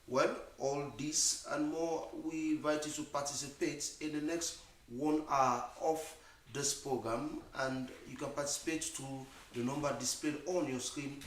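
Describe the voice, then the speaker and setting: Smooth-voiced radio host man. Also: fairly high pitch, steady tone, a little slow, distant mic. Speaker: morning show host. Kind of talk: smooth broadcast headline reading. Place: broadcast studio. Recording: very echoey studio, voice off-mic, faint noise.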